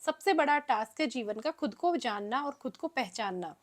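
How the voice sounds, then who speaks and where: A humbled young prince opens up in earnest, confessional words, as a woman narrator reads him in her own high voice. The storybook telling stays plain and steady. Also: moderate pace, close to an everyday voice. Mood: earnest reflective.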